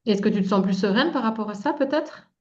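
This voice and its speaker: A woman interviewer asking informal questions in a halting way, piecing them together as she goes, on a lo-fi recording. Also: on the high side, expressive, a little mellow. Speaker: interviewer, coach. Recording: dull, lo-fi sound.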